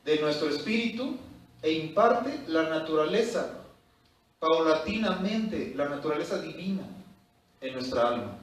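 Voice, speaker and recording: A man's voice: on the high side, animated, unhurried. A man, a pastor giving a Bible study, reading scripture and commenting with exhorting asides. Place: church hall. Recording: echoey church hall from far off.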